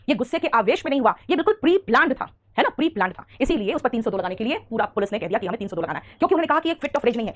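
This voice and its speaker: Fast-talking Indian woman teaching English. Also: high-pitched. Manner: fast, scolding-affectionate, calls students "beta". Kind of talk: online grammar class.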